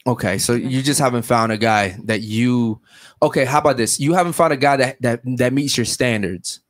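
Recorded dry with studio quality, this podcast host speaks at medium pitch and a moderate pace. He's a young adult man whose panel questioning is blunt, crude, and teasing.

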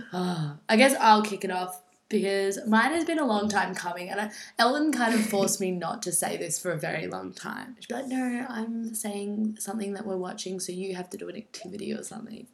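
Congested, raspy young woman co-host, casual laughing banter. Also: medium pitch, moderate pace. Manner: laughing, self-deprecating banter. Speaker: podcast co-host. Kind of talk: casual chat.

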